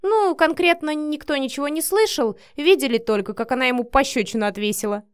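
A woman reading an audiobook voices an outspoken, gossipy young female coworker who chatters in a lively way. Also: sits high, no echo, studio quality, pitched above the performer's own voice, natural voice. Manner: lively, chattering, with a quick laugh.

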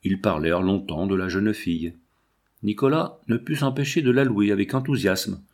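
A man narrating a classic novel as an audiobook in a measured, expressive way. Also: on the low side.

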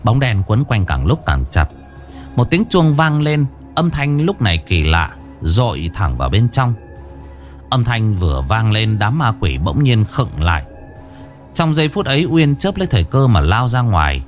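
A man narrating a horror story in a dramatic, measured way. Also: lowish voice, big pitch swings, soft background music.

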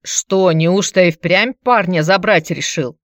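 A woman's voice: fairly low pitch, slow, dry recording, studio quality. A woman doing a grumbling drunk laborer. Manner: grumbling, wheedling, pushy. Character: grumbling hard-drinking man, broke laborer.

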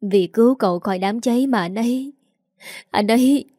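A woman's voice: medium pitch, dark tone, dry recording, studio quality, natural voice. A woman voicing a young female friend who consoles while crying. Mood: tearful. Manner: crying while talking, quick.

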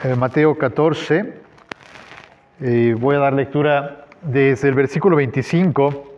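A man pastor giving a sermon in a conversational way, pausing with fillers and acting out the quoted words. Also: medium pitch, fairly even intonation, lo-fi sound.

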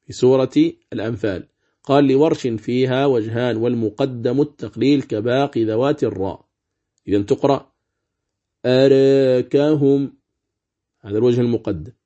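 Man, warm mellow tone, measured teaching, slow chanted examples, muffled recording. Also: mid-range voice. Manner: measured, explanatory, chants words slowly as examples. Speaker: Quran recitation teacher. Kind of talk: explaining recitation rules with chanted examples. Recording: dull lo-fi recording.

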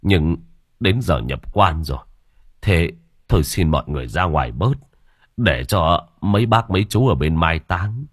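A weary grieving father in an audiobook story, as a male narrator plays him. His voice sits very low and a little husky, slow and halting. Close, dry recording. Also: expressive, no echo, heavily acted. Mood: subdued. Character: grieving middle-aged father, weary and polite.

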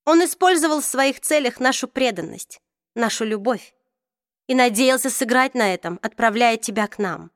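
A woman's voice: on the high side, animated, normal speed, no room sound, clean studio sound, voice pushed up. A woman reading an audiobook, voicing a bitter, proud middle-aged woman who accuses and argues intensely. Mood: weary, bitter.

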